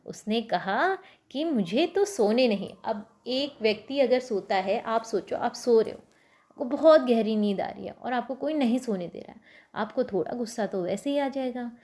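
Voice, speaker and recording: A woman's voice: on the high side, normal speed, a little mellow. A woman teacher patiently retelling a story to young children, often stopping to explain and ask them questions. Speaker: primary school teacher.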